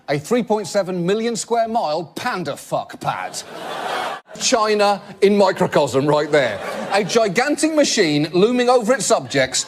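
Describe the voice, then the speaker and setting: A British man hosting a comedy show, delivering a scripted satirical monologue with sarcastic, punchy timing. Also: sits high. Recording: noisy broadcast audio with audience laughter.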